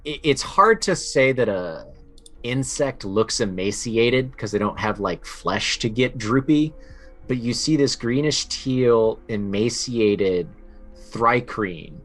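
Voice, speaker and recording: A man with a low voice narrates a tabletop adventure as game master, slowly and deliberately. He stops often for ums and restarts while he works out the scene. He sounds like he is on a home microphone in an online session. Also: fairly bright tone. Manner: halting, lots of ums and restarts.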